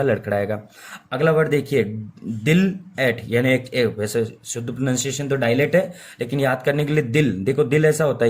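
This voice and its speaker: Chatty teacher drilling word tricks. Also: male voice, medium pitch, a little mellow. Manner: repetitive, asks questions and answers them himself, playful mnemonics. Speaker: vocabulary teacher. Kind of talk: informal Hindi-medium lesson.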